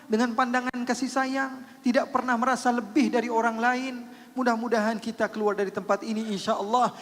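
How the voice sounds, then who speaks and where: A man preaching a sermon at a large religious gathering, telling a story in an animated, earnest way. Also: high voice. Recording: long reverb in big hall.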